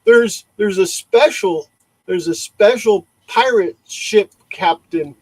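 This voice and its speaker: A man's voice: high voice, slow pace, rough recording. A man from Chicago with a Chicago accent, hosting a casual livestream chat, who stumbles over and repeats his words and laughs often. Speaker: livestream host.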